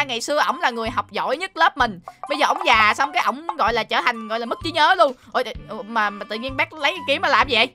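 Excitable woman, fast and high. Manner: excitable, exclamatory, chatty. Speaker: host. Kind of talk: game role-play with narration to viewers.

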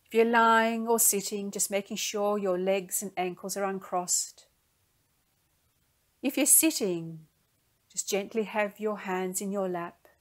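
Speaking in soft, soothing phrases at medium pitch, a woman leads a guided meditation. Her manner is gentle and unhurried.

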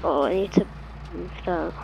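A woman casually commenting on her own gameplay, muttering to herself in halting bits. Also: fairly low pitch, vocal fry, a little mellow, slight background noise, rough recording.

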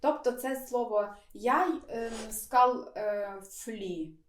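A woman's voice: on the high side, takes it slowly, roomy sound, far from the mic, slight background noise. A woman co-hosting a language lesson in a playful, joking way, with hesitant fillers. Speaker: language teacher co-host.

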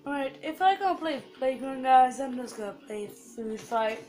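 A woman's voice: high-pitched, expressive, normal speed, darkish tone, soft background music. A woman with a cough, casually commentating her gameplay to viewers. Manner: chatty, talks to viewers while playing. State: has a cough. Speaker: gaming channel host.

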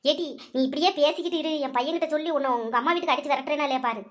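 A woman's voice: sits high, rapid-fire, close to an everyday voice. A woman voicing a quarrelsome older mother-in-law who scolds and bickers. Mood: quarrelling. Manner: bickering, scolding, self-pitying. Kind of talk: cartoon voice acting.

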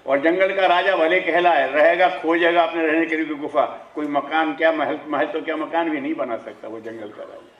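A man giving a lively spiritual discourse, asking rhetorical questions and chuckling as he makes his points, speaking through a microphone and loudspeaker to an audience. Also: fairly high pitch, moderate pace, hardly any pauses, highs cut off. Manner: chuckles while making points. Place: ceremony hall with audience. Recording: echoey hall, heard from a distance.

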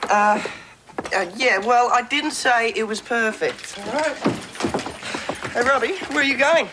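A man's voice: extremely high pitch, a little slow, background noise. A man playing a bumbling, defensive TV crew member in a puppet comedy.

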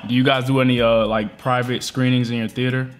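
A young man from Atlanta talks casually in slang and makes prank calls as a vlog host in his living room. His medium-pitched voice is level and brisk, heard over music.

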